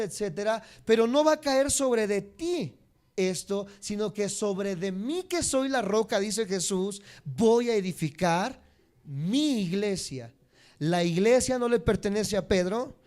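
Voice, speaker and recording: A man teaching a church congregation, speaking to them directly and repeating key words. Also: a little mellow. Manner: swings between emphatic high peaks and dropped low endings. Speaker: Bible teacher.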